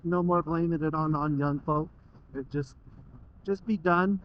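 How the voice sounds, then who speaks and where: A man's voice: on the high side, steady tone, measured pace. A young American man motovlogging from inside a motorcycle helmet, chatting casually and bluntly in informal, sweary language. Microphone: microphone inside the helmet. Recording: muffled, dull helmet mic.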